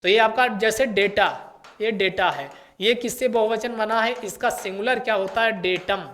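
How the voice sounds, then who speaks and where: A woman's voice: medium pitch, a bit bright, a little hiss or hum. A woman teacher going through an English test paper for exam candidates, asking questions and answering them herself and repeating key words. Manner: reads English test sentences slowly and carefully.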